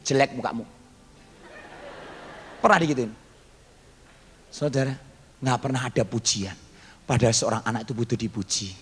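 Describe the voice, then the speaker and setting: Dramatic storytelling preacher in an echoing hall. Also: male voice, medium pitch, a little fast, long pauses. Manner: dramatic, acts out quoted voices, jokes with the congregation. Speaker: pastor. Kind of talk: storytelling sermon. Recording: long hall reverb, faint background noise.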